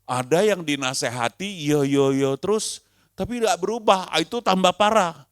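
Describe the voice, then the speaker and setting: A man's voice: high voice, moderate pace, dry recording, studio quality. A male pastor preaching a sermon, asking rhetorical questions and acting out the people he quotes.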